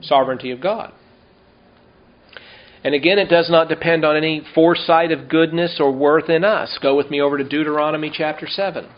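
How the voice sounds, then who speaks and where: A man preaching a sermon, reading scripture slowly and emphatically and asking the congregation rhetorical questions. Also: fairly high pitch, steady tone. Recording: dull lo-fi sound.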